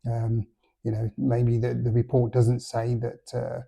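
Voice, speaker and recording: A man's voice: medium pitch, monotone, unhurried, vocal fry, mellow. A middle-aged man hosting a casual solo football podcast, hesitant with many fillers and dry, understated remarks. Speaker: podcast host.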